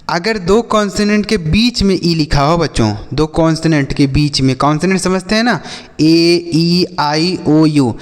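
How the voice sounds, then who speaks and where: A man teaching English reading in a lesson, spelling words out slowly and asking and answering his own questions, with a Hindi accent. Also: on the high side, long reverb tail. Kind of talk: classroom lesson.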